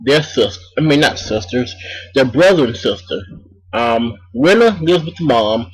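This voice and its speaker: A man's voice: mid-range voice, animated, measured pace, breathy edge, low-quality recording. A man casually reviewing an anime, rambling with many ums and restarts while talking around a cough drop.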